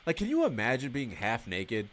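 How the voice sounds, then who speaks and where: A man's voice: medium pitch, wildly swooping pitch, normal speed, a bit bright. A man as a podcast guest, talking candidly and swearing freely, telling stories with acted-out dialogue in casual conversation.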